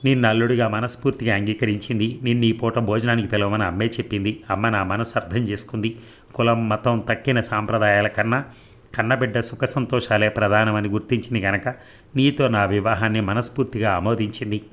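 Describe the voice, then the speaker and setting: A man's voice: lowish voice, steady tone, fairly quick, fairly bright tone, close to an everyday voice. A man voicing a playful young married woman, a student, in an audiobook reading of a novel. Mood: earnest.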